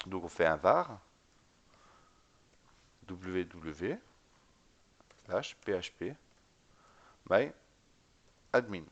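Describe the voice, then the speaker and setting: A man's voice: sits low, lively intonation, extremely slow, pauses often, muffled recording. A man giving a casual step-by-step tutorial on setting up a web server, spelling out commands letter by letter and often checking in with the viewer. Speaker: tutorial instructor. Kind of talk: screen-recorded command-line tutorial.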